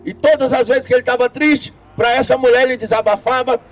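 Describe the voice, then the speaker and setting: High-voiced man telling a slow parable. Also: fairly even intonation, soft background music. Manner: slow, dramatic phrasing with deliberate pauses. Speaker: storyteller. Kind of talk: storytelling a parable.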